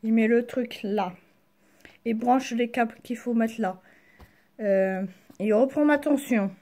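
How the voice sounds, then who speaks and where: A young woman tells a personal story in a casual vlog style. Her voice sits a little high yet stays soft-edged and mellow. She is halting and slangy, speaking with a sore mouth after having her wisdom teeth out. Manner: halting, slangy, searching for words. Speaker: vlogger.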